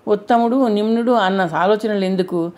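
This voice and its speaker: A woman voicing a calm, kindly male wind god in an audiobook, speaking in a gentle, measured, reassuring way. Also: medium pitch, lightly acted.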